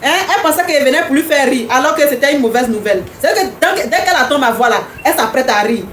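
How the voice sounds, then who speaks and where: A woman's voice: sits high, animated, fast talker, fairly bright tone, roomy sound, a little hiss or hum. A woman hosting a live stream, chatting casually and teasingly with viewers, repeating herself often. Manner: repetitive, teasing, talks straight to commenters.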